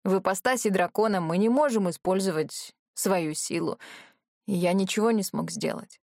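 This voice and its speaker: Woman doing a worn-out hoarse dragon man. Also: mid-range voice, moderate pace, a little mellow, no echo, studio quality, natural voice. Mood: weary, hushed. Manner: weary and hoarse. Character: exhausted young male dragon shifter.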